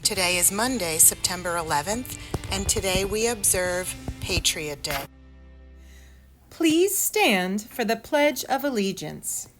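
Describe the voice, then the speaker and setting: A woman giving the morning announcements over a school intercom in a slow, formal announcing manner. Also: medium pitch, expressive, over music.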